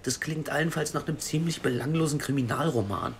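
In an audio drama, an actor plays a cocky male hacker colleague who teases and jokes, rushing his words when excited. His voice is a little high, with some hiss or hum in the recording.

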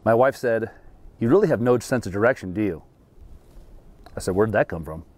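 Middle-aged man with very varied pitch. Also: animated, fairly quick, a little mellow. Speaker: dad-joke teller. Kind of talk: telling short jokes. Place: outdoors on a lakeside dock.

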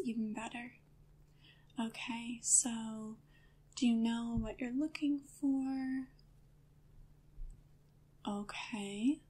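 A woman playing a gentle whispering shoe clerk. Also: fairly high pitch, breathy edge. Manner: soft, gentle and attentive, with quiet laughs. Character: friendly female shoe store clerk helping a customer. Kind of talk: whispered role-play.

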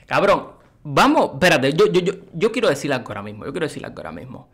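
A man giving casual, excitable reaction commentary on a music video. He swears often and keeps checking that the listener follows him. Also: fairly high pitch, quick pace, gravelly, breathy edge. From Cuba. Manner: excitable, swears, keeps asking "you know what I mean".

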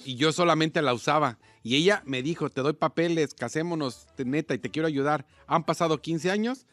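A man's voice: a little high, brisk, a bit bright, no echo. A man co-hosting a comedy radio show, playfully reading out listener messages. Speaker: radio co-host.

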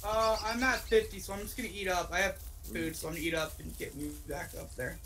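A young adult woman chatting casually while playing a co-op game, excitable one moment and apologetic the next. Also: lowish voice, slight background noise, low-quality recording. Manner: excitable and apologetic, quick bursts. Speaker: co-op game player. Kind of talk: casual gaming chat.

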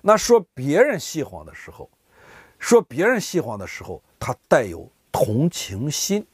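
Speaking unhurriedly in a slightly rough voice on the high side, a man walks his viewers through regional words and performs everyday scenes to illustrate them. The recording is dry and studio quality.

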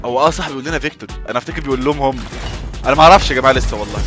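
A young man with an Egyptian accent giving excitable live gameplay commentary as a gaming host, shouting at the screen. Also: mid-range voice, very fast. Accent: Egyptian Arabic. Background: game music.

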